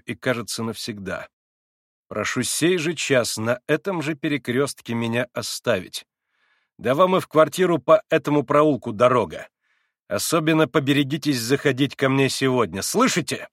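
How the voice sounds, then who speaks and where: A man's voice: mid-range voice, no room sound, clean studio sound, natural voice. Ivan, a man playing a tormented young man. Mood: cold. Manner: shouts and demands, then turns cold.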